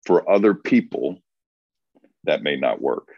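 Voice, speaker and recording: A man's voice: extremely low pitch, big pitch swings, measured pace, a little mellow, breathy edge, no room sound. A man, co-hosting a casual advice talk for writers, thoughtful and prone to restarting his sentences. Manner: thoughtful, restarts and repeats words. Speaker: co-host, coach for writers. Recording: dry, dull lo-fi sound.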